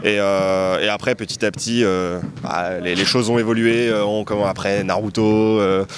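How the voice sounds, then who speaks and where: A man's voice: lowish voice, fairly even intonation, moderate pace, crowd noise. A man in his early twenties, from Portugal, talking casually and hesitantly as an interview guest on an outdoor basketball court. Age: 20s. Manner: hesitant, many filler sounds and restarts. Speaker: interview guest, manga artist.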